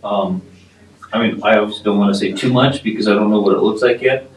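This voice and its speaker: Measured low man in an echoey room. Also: fairly even intonation. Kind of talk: meeting talk. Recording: echoey, distant mic.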